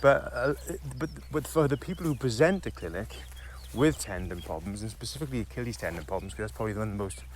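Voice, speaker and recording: A man's voice: fairly low pitch, animated, a little hiss or hum. Man explaining things on a woodland walk. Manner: explanatory, halting restarts. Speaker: physiotherapist podcast co-host. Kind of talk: casual chat on a walk. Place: outdoors in woods on a walk. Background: faint birdsong and nature ambience.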